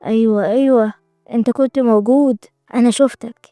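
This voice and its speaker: A woman's voice: fairly high pitch, steady tone, fairly quick, warm tone, dry recording, clean studio sound, soft background music, close to an everyday voice. A woman with an Egyptian accent voicing a cruel, taunting young woman in a storybook-style recap. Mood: scheming. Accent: Egyptian Arabic. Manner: mocking, venomous.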